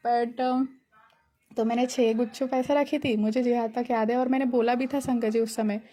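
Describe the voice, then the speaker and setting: A woman's voice: on the high side, fairly even intonation, normal speed, mellow. Giggly young woman sharing a devotional story. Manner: chatty, giggly, grateful. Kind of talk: casual spoken testimony.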